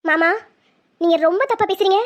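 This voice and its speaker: A woman's voice: very high-pitched, fairly even intonation, brisk. A woman voicing a wronged young college woman, emotional and defiant, in a cartoon. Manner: pleading then defiant, emotional.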